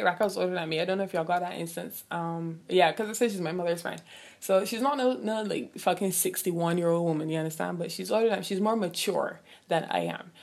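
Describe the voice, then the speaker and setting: A young Barbadian woman hosting a casual solo podcast, talking frankly and swearing freely as she rants with lively energy. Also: lowish voice. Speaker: podcast host.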